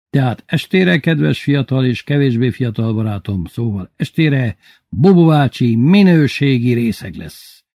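A man's voice: mid-range voice, warm tone, no room sound, pitched above the performer's own voice. A man voicing a boisterous, drunk older man who swears crudely and makes pompous toasts.

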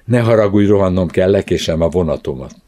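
A man's voice: low-pitched, expressive, mellow. A man reading the part of a timid, embarrassed man who speaks hesitantly and in a hurry. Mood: tense. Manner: hesitant, then breathless and hurried.

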